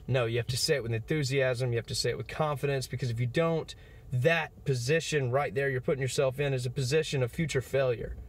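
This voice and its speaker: A man's voice: mid-range voice, steady tone, quick pace. A man in his twenties giving an earnest, encouraging motivational talk to camera, with fillers like "you know". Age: 20s. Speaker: motivational vlogger.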